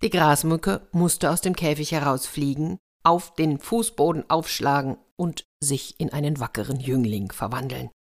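A woman telling a fairy tale aloud in a lively way, with chatty asides to the listeners. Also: deep voice, normal speed, few pauses. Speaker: storyteller.

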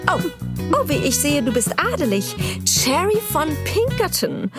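A woman's voice: high-pitched, sing-song, measured pace, loud music behind the voice. A woman hosting a podcast in a playful interview sketch, teasing her guests and cutting off their rambling. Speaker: podcast host.

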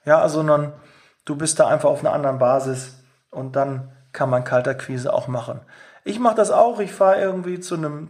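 A man giving a direct, emphatic motivational talk on sales, acting out quoted phone calls. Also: a little high. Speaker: sales coach.

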